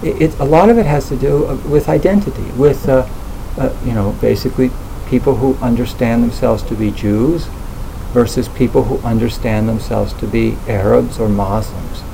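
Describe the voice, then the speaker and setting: A man with a gravelly, mellow voice talks in a loose, reflective way, often pausing on fillers and starting his sentences over. Faint room ambience sits behind him. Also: mid-range voice, a little hiss or hum, rough recording. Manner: hesitant, many fillers and restarts. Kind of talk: reflective conversational talk.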